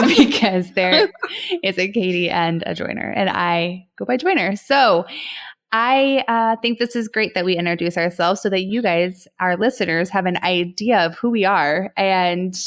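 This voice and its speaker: A woman from Ohio talks in a slightly low voice, chatty and enthusiastic as she co-hosts a podcast with friends. She laughs often along the way. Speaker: podcast co-host. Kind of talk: casual chat among friends.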